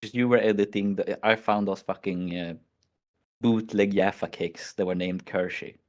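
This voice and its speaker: A Swedish man with a fairly low, slightly mellow voice talks at a normal speed in a steady tone. He's casually chatting on a stream, rambling and mocking, and fills his speech with lots of "like" and "you know."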